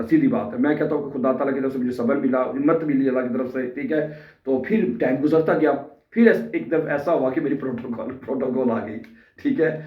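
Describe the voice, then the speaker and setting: A man from Pakistan, earnestly telling his own story to viewers in a casual vlog and checking in with them often. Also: mid-range voice. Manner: earnest, addresses viewers directly, keeps adding "okay" checks. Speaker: language vlogger. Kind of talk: casual personal storytelling to camera. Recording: roomy, distant, dull mic sound.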